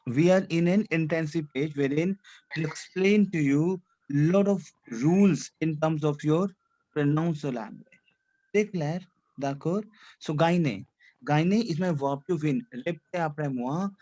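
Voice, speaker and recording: Running an online language class, this teacher speaks at medium pitch, a little slowly, with a dark tone. He mixes English with French phrases and a little Hindi, repeats phrases, and checks understanding with "C'est clair? D'accord?"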